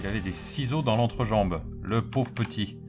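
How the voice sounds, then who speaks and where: A low-voiced man jokes and thinks aloud while playing a game. His chatty let's-play commentary rambles between menus, and game music plays loudly under him. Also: moderate pace. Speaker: gaming video host.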